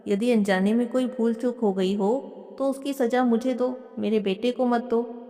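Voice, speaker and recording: A woman's voice: on the high side, steady tone, normal speed, mellow, close to an everyday voice. A woman voicing a devout elderly mother-in-law who pleads and urges in a devotional story. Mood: pleading. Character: pious old mother-in-law, pleading and tearful. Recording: long hall reverb.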